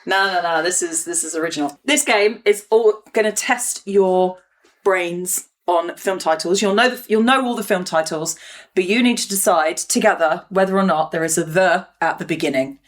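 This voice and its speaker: Female co-host, playful, brisk quiz-master delivery. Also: fairly low pitch. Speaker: podcast co-host. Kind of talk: casual podcast banter, running a quiz game.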